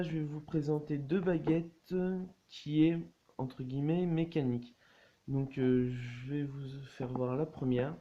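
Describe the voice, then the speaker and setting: A man casually showing his collection in a vlog, halting often with fillers and restarts. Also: fairly high pitch, warm tone, dull audio. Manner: hesitant, many fillers and restarts.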